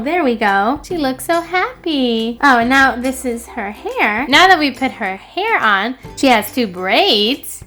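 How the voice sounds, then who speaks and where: A woman's voice: fairly high pitch, sharp tone. A woman hosting a toy unboxing, cheerfully explaining each step of building a figure for young viewers. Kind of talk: narrating a toy unboxing for children.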